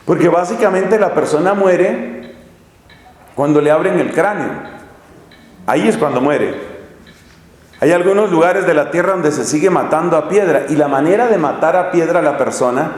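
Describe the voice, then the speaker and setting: A man preaching a sermon, telling stories dramatically with big swings in pitch and pace. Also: lively intonation, moderate pace, long pauses. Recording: echoey church hall.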